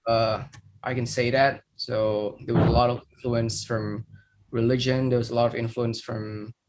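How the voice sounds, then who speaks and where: An Indonesian man in his thirties, a startup founder, tells his life story as a guest on a podcast interview. His medium-pitched voice is flat and moderately paced, with background noise in the clip. He speaks reflectively in an Indonesian accent, using lots of fillers and repeated words.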